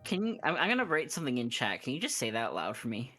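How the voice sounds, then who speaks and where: A man's voice: medium pitch, huge pitch swings, fast, pushed and bright, faint music behind. A man streaming a game and chatting casually, telling stories with lots of fillers and restarts. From Canada.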